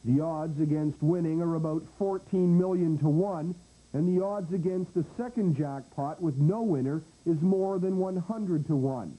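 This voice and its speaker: A man's voice: a little high, moderate pace, mellow, low-quality recording. A man narrating a scripted television news report on an old broadcast tape.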